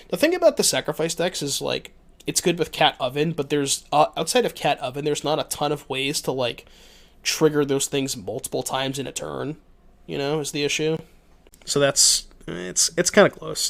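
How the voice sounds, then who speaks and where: Here a young man speaks at a normal speed in a somewhat high, slightly bright voice with vocal fry, sounding stuffy and worn. He chats with viewers while playing a card game on stream, thinking out loud, reading chat, and restarting a lot.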